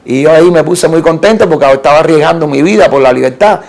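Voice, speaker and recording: Cuban guy telling his story in an interview, kinda high and gravelly, keeps restarting words. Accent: Cuban Spanish. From Cuba. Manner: animated storyteller, halting restarts and repeated words. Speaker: interview guest, art collector.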